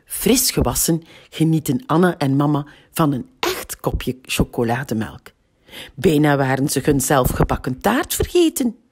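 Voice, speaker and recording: Flemish woman, library storyteller: slow, husky, very expressive children's reading. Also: deep voice. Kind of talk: reading a picture book aloud to children.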